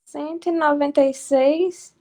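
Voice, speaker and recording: High-voiced hesitant female student. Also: steady tone, measured pace, a little mellow. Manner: hesitant answers, turns statements into questions.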